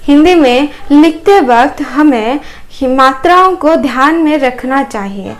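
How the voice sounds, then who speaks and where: Brief: Odia-accented woman teacher, high voice, unhurried grammar lesson. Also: animated. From Odisha, India. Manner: explanatory, with repeated examples and fillers.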